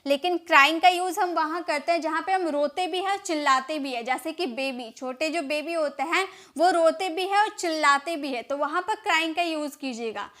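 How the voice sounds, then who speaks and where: A woman with an Indian accent teaching spoken English, repeating each phrase slowly and quizzing the listener. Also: high voice, a bit bright.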